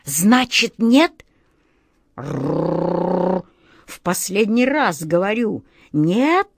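A woman voicing an excitable striped male cat wizard who talks fussily and gabbles shrilly when upset. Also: fairly low pitch, drawn-out words, creaky, husky, exaggerated voice. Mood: threatening.

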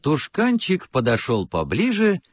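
A man's voice: a little high, wildly swooping pitch, unhurried, husky, no echo, clean studio sound. A man narrating a children's story from a script with lots of expression.

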